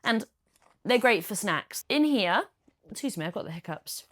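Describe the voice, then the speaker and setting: A woman's voice: medium pitch, expressive, normal speed, sharp tone. Chatty woman explaining her kit. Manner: chatty, practical, explains step by step. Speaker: triathlete vlogger. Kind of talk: casual how-to vlog.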